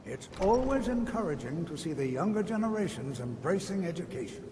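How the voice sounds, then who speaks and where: A man's voice: sits high, big pitch swings, fairly quick. An actor playing a polite, flustered older male wizard scholar who keeps apologizing, heard as game audio. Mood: apologetic. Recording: game audio with long reverb and noise.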